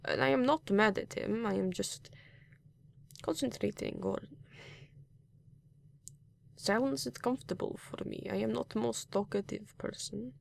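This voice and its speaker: A man voicing a reserved, formal and caring partner in a comfort roleplay, speaking softly with hesitant restarts and few contractions, at times in a whisper. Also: high-pitched, measured pace, gravelly, pauses often, heavily acted. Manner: soft-spoken, at times whispering. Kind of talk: comfort roleplay addressed to the listener.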